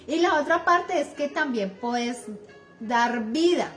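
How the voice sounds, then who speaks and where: A woman's voice: high voice, lively intonation, slow pace, fairly bright tone, faint music behind. A middle-aged woman with a Colombian accent giving conversational devotional teaching, earnest and acting out everyday remarks, with many fillers.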